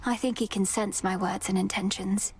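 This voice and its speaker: A woman's voice: medium pitch, steady tone, moderate pace, breathy edge, soft background music. An actress playing an earnest, polite, determined young witch princess in a video game.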